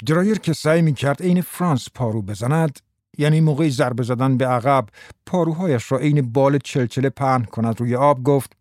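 A man narrating a story in a measured, even way. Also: mid-range voice, dry recording, studio quality. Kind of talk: scripted narration.

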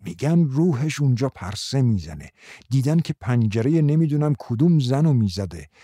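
A man's voice: medium pitch, big pitch swings, warm tone, slightly rough, no echo, studio quality, voice pushed up. A man voicing a male villager who gossips in a mocking tone. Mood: gossipy.

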